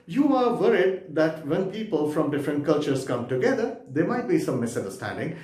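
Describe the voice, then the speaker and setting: A man's voice: a little high, a little mellow, echoey room. A man teaching exam preparation in a conversational lecture, often checking in with his listeners. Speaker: exam prep instructor. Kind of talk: explanatory lecture.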